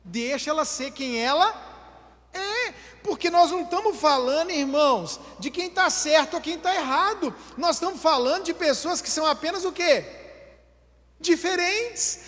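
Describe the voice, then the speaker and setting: A Brazilian pastor preaches with a very high voice that swoops up and down as he acts out little household scenes. His humorous sermon rings through a hall with a long, lingering reverb. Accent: Brazilian Portuguese. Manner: animated, acts out everyday dialogues.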